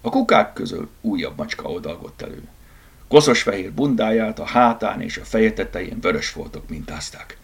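A man's voice: on the low side, expressive, creaky, slightly rough. A man narrating a children's animal story as an audiobook reader, telling it expressively. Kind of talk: scripted narration.

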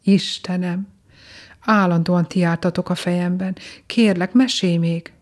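A woman's voice: lowish voice, steady tone, darkish tone, lightly acted. A woman voicing a loving captive queen and mother in a storybook reading, speaking tenderly and pleadingly.

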